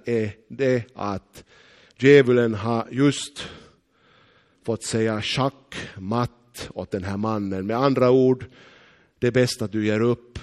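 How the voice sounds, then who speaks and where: Speaking with a Finland-Swedish accent, a man from eastern Uusimaa, Finland, delivers a sermon in a mid-range voice. He tells his stories with emphasis and slows down on the key phrases.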